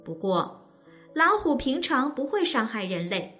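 A woman's voice: on the high side, sing-song, measured pace, fairly bright tone, faint music behind. A woman narrating a children's story expressively, speaking directly to young listeners.

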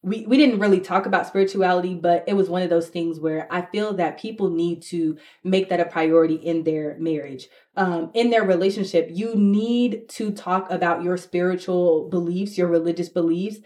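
Lower-pitched woman with a New York accent. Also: steady tone, moderate pace, hardly any pauses, a little mellow. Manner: emphatic, repeats words for stress. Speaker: podcast co-host. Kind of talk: casual reflective conversation.

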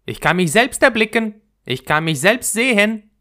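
A man voicing a vain lily flower that admires itself, in a high preening tone. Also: sing-song, moderate pace, pushed and bright, exaggerated voice.

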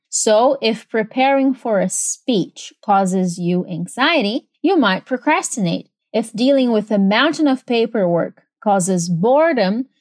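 Woman teaching English, bright and dry. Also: a little high, no echo. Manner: switches between slow careful English and fast Portuguese. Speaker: English teacher and podcast host. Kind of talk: bilingual language lesson.

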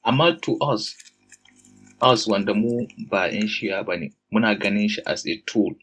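Low-voiced man with a Hausa accent. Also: moderate pace, a bit bright, husky, rough recording. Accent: Nigerian Hausa. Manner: switches between Hausa and English, explanatory. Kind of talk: casual discussion.

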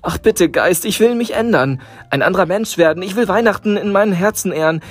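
A man voicing a fearful, repentant old miser who pleads in high, rising cries. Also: fairly quick, husky. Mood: desperate.

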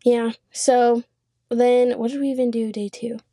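A woman's voice: a little high, flat delivery, a little slow, warm tone, no room sound, studio quality. A young woman co-hosting a podcast in casual chat, talkative and laughing often, with lots of "like". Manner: chatty, laughs often, says "like" a lot. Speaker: podcast co-host.

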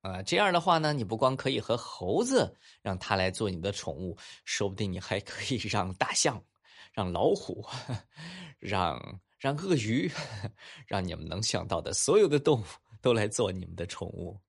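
Husky-voiced man telling a children's story. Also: on the low side, moderate pace. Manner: animated, warm-toned coaxing asides to kids.

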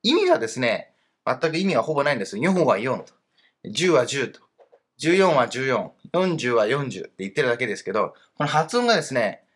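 A man's voice: medium pitch, big pitch swings, brisk, a bit bright, slightly rough. A man teaching a grammar lesson online in a patient, explanatory way. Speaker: language teacher.

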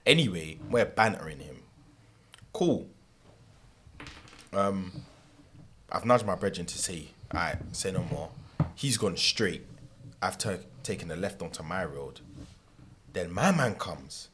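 Young male, London roadman accent, lowish and animated, slangy anecdote style, faint noise. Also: slow, pauses often. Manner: slangy, acts out reported dialogue. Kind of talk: casual anecdote telling among friends.

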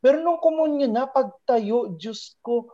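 A woman's voice: high-pitched, animated, a little slow, mellow. A young woman casually telling an emotional personal story, laughing often as she shares it with a friend. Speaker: guest sharing a testimony. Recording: dull lo-fi recording.

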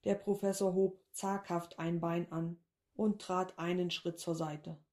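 A woman narrating a short story in a calm, even read-aloud manner. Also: on the low side, a little slow.

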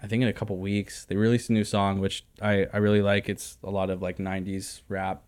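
A man's voice: on the low side, little pitch movement, brisk, darkish tone, smooth. A young man co-hosting a casual podcast, talking in a laid-back, slangy way. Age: young adult. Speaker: podcast co-host. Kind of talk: casual chat.

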